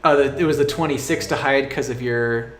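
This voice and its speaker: A man working as game master, narrating a tabletop game casually and haltingly as he thinks aloud. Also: mid-range voice, fairly bright tone. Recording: echoey room, faint music behind.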